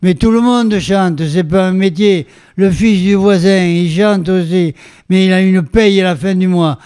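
A man's voice: sits high, a little slow, a little mellow, clear, resonant tone, pitched above the performer's own voice. A man voicing an older rural father with a Béarnais accent, blunt and scolding. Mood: grumbling. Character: old rural man, blunt, practical, dismissive.

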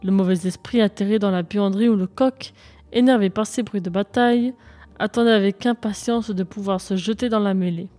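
A woman narrating a children's story in a lively, expressive read-aloud manner. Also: mid-range voice, a little fast.

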